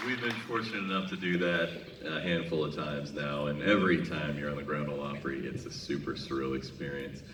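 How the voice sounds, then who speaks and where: Onstage at a large casino concert hall, an American man from Minnesota with a bass voice chats with the audience between songs, telling humorous stories and holding deliberate pauses before punchlines. Sound comes through a distant, noisy PA in an echoey room.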